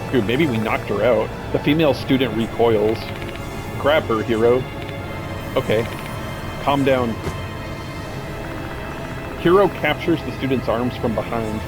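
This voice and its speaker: A man's voice: medium pitch, measured pace, long pauses, over music. A young man casually playing a horror game, reading its text aloud and joking with slang between lines. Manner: casual, joking, says "dude" and "bro". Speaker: gameplay streamer.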